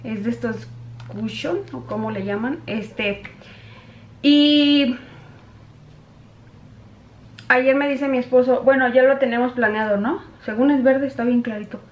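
Middle-aged Mexico City woman, chatty beauty vlogger telling a story; fairly high voice, echoey home room. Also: fairly even intonation, normal speed, muffled recording. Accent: Mexico City Spanish. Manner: chatty, addresses viewers as girls, many fillers. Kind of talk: casual storytelling while doing makeup.

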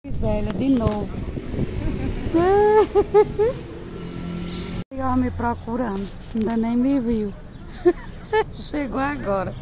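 High-voiced woman teasing with laughter. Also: expressive, slow, long pauses, background noise. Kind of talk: casual chat behind the camera.

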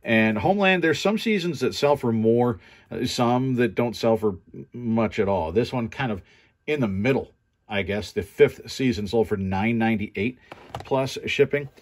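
Speaking a little slowly in a medium-pitched voice, a man runs through his online reselling sales show-and-tell style. The commentary stays casual and conversational throughout.

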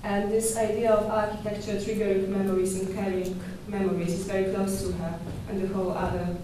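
A young woman curator giving a conference talk at a podium microphone in a dark lecture hall, measured and thoughtful with small hesitations and restarts. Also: mid-range voice, little pitch movement, a little hiss or hum. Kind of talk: conference presentation. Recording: echoey hall from far off.

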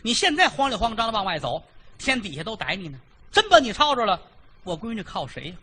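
A fretful old mother-in-law, as a man puts her on in a told comic story. Her talk is coaxing and chatty, and she reasons her case step by step. The voice sits a little high and bright, and it moves a lot. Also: sing-song, fast, husky, exaggerated voice.

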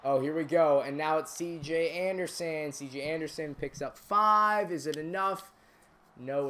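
A man streaming a football video game, calling plays and chatting with viewers, bursting into shouted calls on big moments. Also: mid-range voice, slight background noise. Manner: chats with viewers between plays. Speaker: gaming streamer. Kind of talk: play-by-play game commentary.

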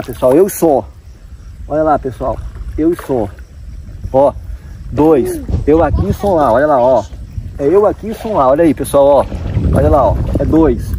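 A man with a Brazilian Portuguese accent, narrating his fishing to viewers in an excited, exclaiming way from a riverbank. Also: mid-range voice. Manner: excitable, exclaims loudly, repeats phrases. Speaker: fishing vlogger. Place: outdoors at a riverbank. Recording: distant mic with outdoor noise.

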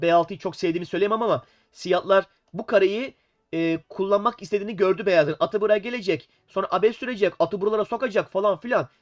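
A man with a cold commenting on a chess game in a casual, playful way, giving the pieces voices. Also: sits high. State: has a cold. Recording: dull sound with faint music.

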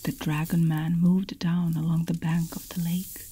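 A woman telling a bedtime folk tale as a whispered role-play, in a soft, unvoiced whisper. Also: on the low side, little pitch movement, normal speed, husky, rough recording. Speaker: ASMR storyteller.

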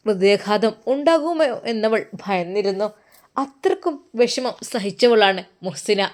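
A woman with a Malappuram Malayalam accent narrating a dramatic story in an emotive way. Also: medium pitch.

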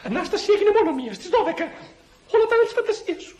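A teasing, playful flirt. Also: female voice, extremely high pitch, sing-song, a little mellow. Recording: echoey room.

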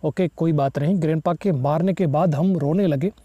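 A man commentating on a horror video game as he plays, with frequent excited exclamations. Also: on the high side, normal speed, no echo. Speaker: gaming YouTuber. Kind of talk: let's play commentary.

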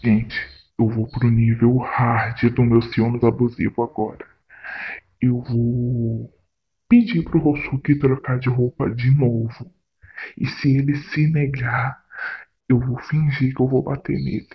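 A man's voice: medium pitch, fairly even intonation, takes it slowly, slightly rough, dull audio. A man hosting a casual prank vlog, talking in a playful, theatrical way. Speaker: prank vlogger.

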